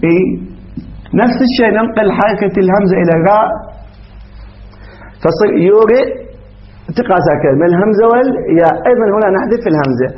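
Fast-talking man teaching grammar. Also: high-pitched, animated. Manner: explains step by step, quizzes students. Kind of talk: classroom grammar lesson. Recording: dull muffled lesson recording, faint hiss.

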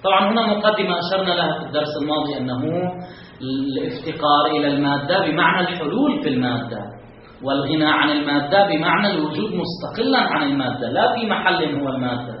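A man with a somewhat high voice gives a classroom lecture and keeps posing questions that he answers himself. He sounds far from the microphone in a very echoey room. The sound is muffled, and faint noise hangs in the background. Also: expressive, fast talker. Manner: reasons aloud with rhetorical questions, stressing key terms. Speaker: teacher of Islamic philosophy. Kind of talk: classroom lecture explaining a text.

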